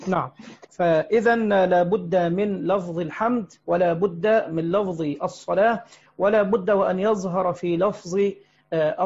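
A man teaching a religious lesson, explaining a text step by step with frequent hesitant pauses. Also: high-pitched, darkish tone, breathy edge. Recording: muffled lo-fi recording.

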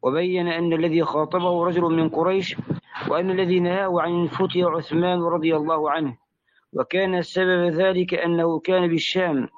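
A man's voice: high voice, flat delivery, a little fast, muffled recording. Man reading a classical text aloud. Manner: careful reading that spells out vowels and letters.

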